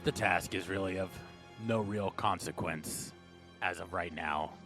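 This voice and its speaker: Booming otherworldly being heard in the mind, voiced by a man running a tabletop game, deep and very slow, faint music underneath. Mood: ominous. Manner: slow, deep, commanding pronouncements. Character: booming otherworldly male entity speaking in the mind. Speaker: game master.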